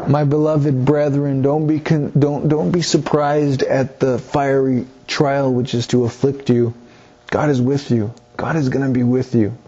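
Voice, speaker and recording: A man's voice: mid-range voice, mellow. A man preaching a sermon, reading scripture and explaining it, earnest, often repeating himself as he urges his listeners on. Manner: earnest, repeats phrases, exhorts listeners directly. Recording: slightly dull lo-fi recording.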